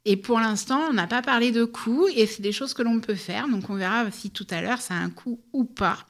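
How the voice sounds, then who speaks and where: Chatty woman radio host, higher voice. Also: moderate pace. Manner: informal, chatty, self-deprecating. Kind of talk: casual radio hosting.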